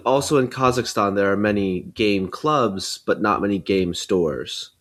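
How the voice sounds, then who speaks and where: A man's voice: fairly low pitch, unhurried, fairly bright tone. A man interviewer who shares observations and asks questions conversationally.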